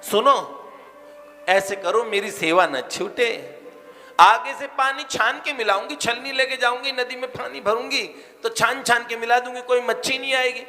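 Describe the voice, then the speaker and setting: A man's voice: very high voice, a little slow, bright, forceful tone, voice pushed up, heavily acted. A man voicing a simple devoted village milkmaid. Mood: pleading. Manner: pleading, emotional. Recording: reverberant hall, faint music behind.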